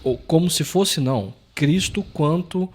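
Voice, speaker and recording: A man's voice: a little high, unhurried. A man from Brazil, a pastor who is also a father and husband, talking earnestly and repeating phrases for emphasis. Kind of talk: casual chat.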